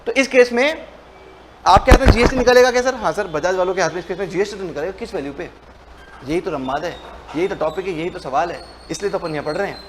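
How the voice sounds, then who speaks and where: A man with a fairly high voice teaches a commerce lesson. He plays both sides of the exchange, asking himself questions as the student and then answering them. A faint noise sits behind his voice. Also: quick pace. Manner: colloquial, mixes Hindi with English terms. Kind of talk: lecture with role-played dialogue.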